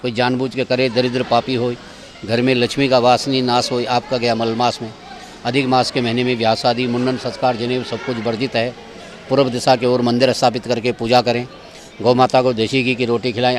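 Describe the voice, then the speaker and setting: A man's voice: medium pitch, slight background noise. A man giving a guided tour of temple grounds outdoors, directive as he keeps pointing things out to his visitors.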